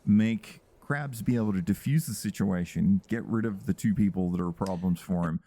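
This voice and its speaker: A man's voice: low voice, normal speed, mellow. A man co-hosting a podcast, chatting casually about a film and laughing often. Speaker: podcast co-host. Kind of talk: casual movie review chat.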